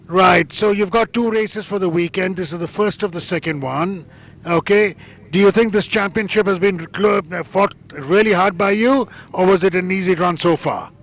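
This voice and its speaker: A man's voice: high voice, normal speed, a bit bright. A man working as a grid interviewer outdoors before a race, chatty and off the cuff, repeating himself and often tagging on "okay". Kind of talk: live pre-race interview, casual and off the cuff.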